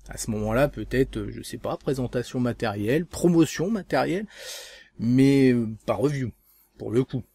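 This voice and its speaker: A man's voice: mid-range voice, expressive, normal speed, vocal fry, mellow, slightly rough, dry recording, studio quality. A man from France hosting a casual video blog, speaking hesitantly with many fillers and restarts. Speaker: vape channel host.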